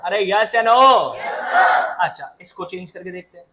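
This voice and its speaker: A man teaching a math lesson in a classroom, lively and always asking the students to answer aloud, calling them "beta". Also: high-pitched, a little slow, over a noisy crowd, very noisy. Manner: calls students "beta" and "babu".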